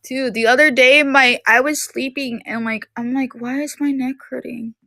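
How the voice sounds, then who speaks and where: A woman's voice: high-pitched, fairly even intonation, normal speed, pushed and bright, no echo. Woman, thirties, home live-stream seller; loose rambling chat, dry close recording. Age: 30s. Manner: rambling, heavy use of "like". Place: at home in her room.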